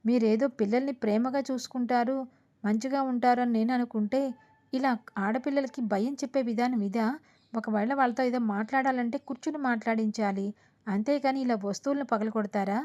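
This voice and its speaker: A woman voicing a young man who reproaches his elder calmly but firmly. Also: fairly high pitch, brisk, muffled recording, close to an everyday voice. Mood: reproachful. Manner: reproachful, reasoning.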